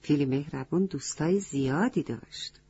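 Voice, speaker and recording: A woman's voice: sits low, dark tone, breathy edge, muffled recording. A woman narrating a children's story, stopping to ask the listening children questions. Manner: addresses children directly with questions.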